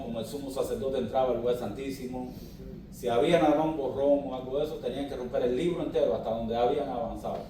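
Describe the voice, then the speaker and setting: Pastor preaching in an echoey church. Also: male voice, medium pitch, mellow, slight background noise. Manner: teaching, asks the congregation questions. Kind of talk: sermon. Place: church hall. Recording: echoey hall, mic at a distance.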